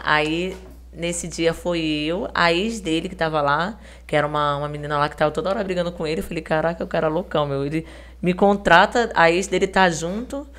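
A woman guest on a podcast, casually telling a story in a chatty, slangy way and acting out the quoted dialogue. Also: on the low side. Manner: heavy slang and fillers.

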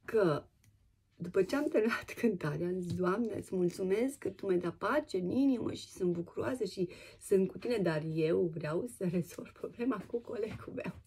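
A woman from Romania telling a personal testimony in a casual, animated way, with many fillers and restarts. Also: mid-range voice, slightly rough.

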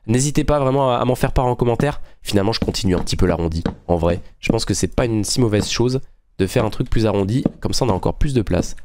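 A man's voice: lowish voice, expressive, fast, background noise. A man hosting a gaming channel, chatting casually and thinking aloud to his viewers as he builds in a game. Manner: friendly, addresses viewers directly. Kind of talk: casual gameplay commentary.

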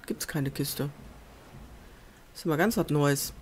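Speaking slowly and in a low-pitched voice, a woman plays a survival game at home and rambles through relaxed let's play commentary. She talks to herself and coaxes the game's animals, using a USB desk microphone. A faint hum sits under her voice, and faint festival noise carries in from outside.

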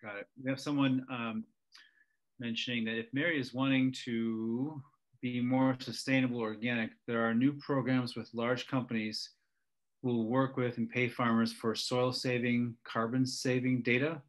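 A man's voice: mid-range voice, little pitch movement, normal speed. A man moderating a webinar, reading audience questions aloud with brief acknowledgements in between. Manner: brief, reads questions out, then short acknowledgements.

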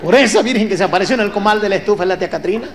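Rowdy Mexican stand-up comedian. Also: male voice, high-pitched, very fast. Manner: rowdy, teasing crowd work, bursts of shouted impressions. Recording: live show with loud crowd and noise. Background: loud audience laughter.

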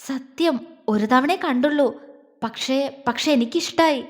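A woman voicing a tender young husband who speaks softly, stammering and halting. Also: high-pitched, long reverb tail. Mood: trembling tender.

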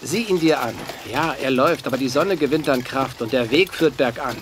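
In a German audio drama, a male actor plays a learned, grumbling, anxious companion, using a dry, wordy, mannered delivery with light acting. His mid-range voice is brisk and uneasy in mood, with a noisy background behind it.

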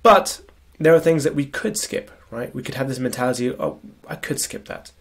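Here a productivity coach with a cold lectures over shared slides in a medium-pitched voice, lively in intonation and moderate in pace. He stays conversational and sniffly, tossing in frequent tag questions such as "right?".

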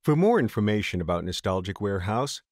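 Male narrator, lowish voice, dry booth sound, calm measured instructional read. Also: no echo. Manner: steady, measured reading of steps. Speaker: tutorial narrator. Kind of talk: scripted instructional voice-over.

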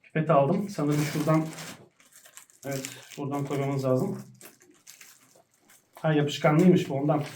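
A woman's voice: low-pitched, fairly even intonation, a little slow, long pauses, darkish tone. A woman vlogger explaining an experiment casually to camera at home. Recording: roomy, distant mic, faint noise.

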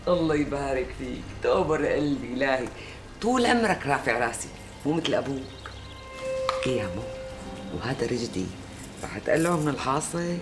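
Brief: middle-aged Damascene housewife, lively, quick, fond but sharp-tongued, period series with score underneath. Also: female voice, a bass voice, music in the background. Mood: doting. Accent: Damascene Arabic. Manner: scolding, scheming, hushed asides. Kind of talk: TV period drama acting.

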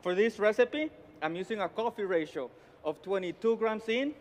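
A Honduran man in his thirties, speaking Spanish with a Honduran accent, delivers a formal, deliberate, rehearsed barista competition presentation in a high, lively voice. He wears a headset mic in a large indoor competition arena with empty stands. The hall is echoey, with clear background noise and venue ambience.

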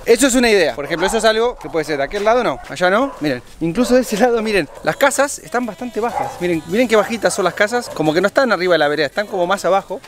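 A man's voice: high-pitched, lively intonation, rapid-fire, hardly any pauses. A young man with an Argentine Spanish accent, talking enthusiastically to viewers while walking outdoors. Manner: enthusiastic, addresses viewers directly. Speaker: travel vlogger. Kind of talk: casual walking vlog. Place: outdoors on city streets.

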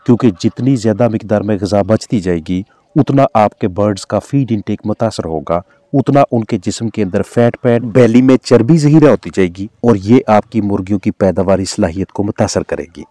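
A man's voice: lowish voice, no room sound. A man with a Pakistani Urdu accent, a veterinarian giving formal, instructive, scripted voice-over narration. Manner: formal, instructive, steady delivery.

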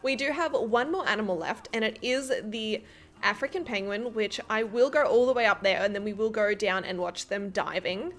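A young woman giving casual gameplay commentary, gushing excitedly over cute animals and laughing often. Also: medium pitch, moderate pace, faint music behind. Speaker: game streamer.

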